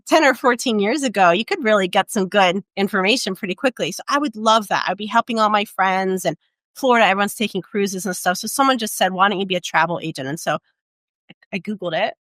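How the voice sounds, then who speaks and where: A woman in her forties, a travel advisor raised in Portugal, telling her career story in a relaxed interview with many "um"s and tag questions. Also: mid-range voice, brisk, no room sound. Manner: reflective, storytelling, frequent "um" and "right?". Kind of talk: conversational interview.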